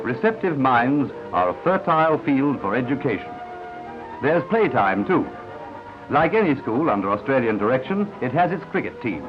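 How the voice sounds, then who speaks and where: A man's voice: mid-range voice, big pitch swings, moderate pace. Man narrating an old newsreel. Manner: confident announcer delivery with asides to the viewer. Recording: dull lo-fi 1950s newsreel soundtrack. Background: newsreel music.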